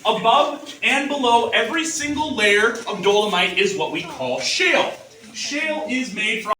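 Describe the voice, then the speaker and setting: A man's high, very lively voice rings with heavy cave echo. He is guiding a tour group in a theatrical, questioning way, with a bright tone that carries through the rock chamber. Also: moderate pace, far from the mic. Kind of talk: animated guided tour talk to a group. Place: inside an echoing cave. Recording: echoing cave, voice off from mic.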